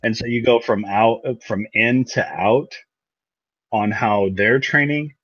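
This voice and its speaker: A man's voice: mid-range voice, slow, fairly bright tone. A man musing aloud on a casual podcast, thoughtful and a little hesitant. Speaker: podcast co-host. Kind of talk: casual chat. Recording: dull lo-fi sound.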